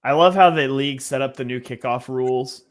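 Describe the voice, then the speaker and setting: A man's voice: mid-range voice, brisk. A man hosting a live watch-party stream who reads viewer comments and gives play-by-play on the game. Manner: relaxed, reads viewer comments, calls plays.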